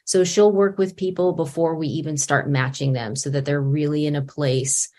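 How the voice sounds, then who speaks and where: Low-voiced earnest woman. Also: steady tone, normal speed, warm tone. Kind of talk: interview.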